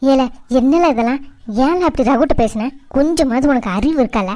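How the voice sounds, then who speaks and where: A woman's voice: sits high, normal speed, dark tone, no room sound, lightly acted. A woman voicing a worried mother of grown sons in a family cartoon, pleading and scolding. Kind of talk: cartoon voice acting.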